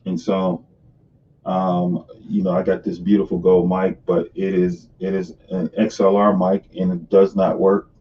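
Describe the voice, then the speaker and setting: Male stream host, chatty and self-correcting, low-pitched, echoing as if in a cave, recorded on a distant camera mic. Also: level tone, measured pace, a little hiss or hum. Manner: chatty and loose, often restarting his sentences. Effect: hollow, cave-like echo. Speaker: host of a live money stream. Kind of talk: casual live-stream chat. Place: home sunroom office. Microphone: camera on top of the computer screen. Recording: distant, dull webcam-mic sound in a hollow room.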